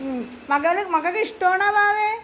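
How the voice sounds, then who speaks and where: A woman working as a preschool teacher who talks with small children in a sing-song way, asking them questions and gently scolding them. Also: very high voice, normal speed, a little hiss or hum. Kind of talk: coaxing talk with small children. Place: preschool classroom.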